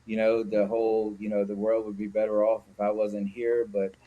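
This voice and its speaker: A man's voice: on the low side, flat delivery, moderate pace, narrow, tinny audio. A middle-aged man from Mississippi, a guest telling his story candidly and reflectively in an interview, with frequent fillers. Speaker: guest, sober living founder. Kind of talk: personal interview.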